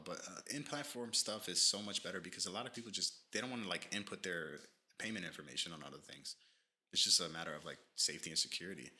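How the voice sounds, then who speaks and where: Reading from a page, a low-voiced man gives casual livestream commentary in a loose, rambling way full of fillers and restarts. His tone is bright and forceful, with a slight nasal edge caused by allergies.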